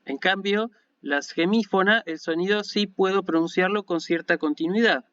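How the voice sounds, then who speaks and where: A man with an Argentine Spanish accent gives an online lecture in a patient, explanatory way, often checking in with his listeners. His voice sits fairly high for a man and sounds smooth and resonant. The recording is dull and lo-fi. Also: normal speed, a bit bright, no echo. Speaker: university lecturer in Ancient Greek.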